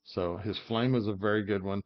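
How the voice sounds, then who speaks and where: A game guide creator casually talks through character builds, thinking aloud with many fillers and hiccups. His voice is lowish and fairly quick, with fairly even intonation. The audio sounds dull.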